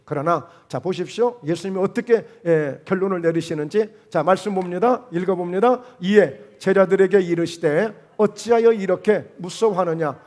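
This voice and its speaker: A man's voice: sits high, darkish tone. A man with a Jeolla Korean accent preaching a sermon as pastor, emphatic, with rhetorical questions and quoted dialogue. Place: church sanctuary.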